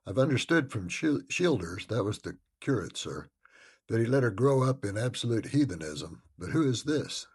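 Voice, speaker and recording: A man's voice: medium pitch, big pitch swings, moderate pace, breathy edge, pitched above the performer's own voice. Man doing a pompous old magistrate. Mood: indignant. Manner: pompous, indignant. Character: pompous older male magistrate, indignant and fussy.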